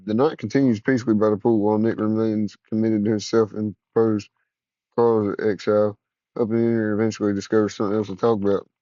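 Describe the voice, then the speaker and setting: A man narrating an interactive story in the second person, in a smooth, even way. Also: lowish voice, quick pace, no echo, lo-fi sound.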